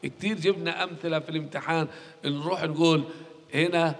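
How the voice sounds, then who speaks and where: A man's voice: on the high side, fairly even intonation, fairly quick, long reverb tail. A male university lecturer with a Palestinian Arabic accent, teaching grammar in a recorded classroom lecture, repeating key rules and quizzing his students.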